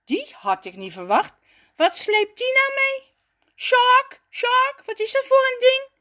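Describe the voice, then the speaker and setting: Woman doing a squeaky impatient birthday kid, super excited, bouncy high voice, storybook. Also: a little slow, exaggerated voice. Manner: eager, squealing with delight.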